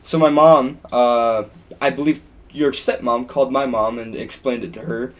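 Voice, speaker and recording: A man's voice: mid-range voice, steady tone, normal speed. Young male co-host, casual rambling storyteller, mid-range voice. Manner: rambling, with frequent ums and restarts. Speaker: podcast co-host.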